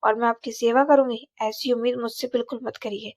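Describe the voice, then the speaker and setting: A woman's voice: a little high, fairly even intonation, brisk, darkish tone, no echo, lightly acted. A woman voicing a hurt young wife who pleads and protests against her mother-in-law. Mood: indignant. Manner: pleading, indignant. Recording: slightly dull, dry recording.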